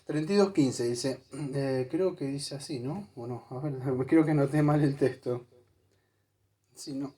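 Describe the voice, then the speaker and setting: A man's voice: medium pitch, unhurried, warm tone. A male pastor, preaching a conversational sermon to his congregation, talking to them directly and thinking aloud while he hunts for Bible verses. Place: church.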